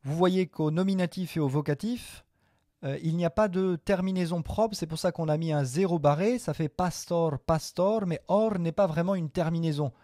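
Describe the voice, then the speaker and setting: A man teaching a Latin grammar lesson to viewers, patient and methodical, repeating each form slowly with small hesitations. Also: fairly high pitch, mellow, dry recording, studio quality.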